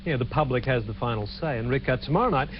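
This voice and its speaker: Male reporter on a low quality stream. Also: slight background noise. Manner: measured, clear scripted delivery. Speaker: entertainment news reporter. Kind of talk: TV news report narration with chat to the anchor. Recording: dull lo-fi copy of a low quality stream of a TV broadcast.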